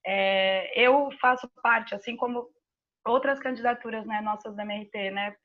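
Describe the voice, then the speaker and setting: A woman's voice: a little high, fairly even intonation, normal speed, narrow, tinny audio. A woman from São Paulo, answering interview questions and explaining at length with many fillers. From São Paulo, Brazil. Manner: fluent, filler-laden explanation. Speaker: teacher and activist guest.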